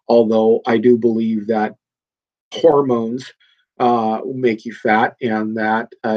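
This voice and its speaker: On a recording with the highs cut off, a man with a lowish, darkish voice hosts his own casual solo podcast. He talks off the cuff, emphatic and rambling, full of fillers and restarts. A cold leaves him a little nasal and congested.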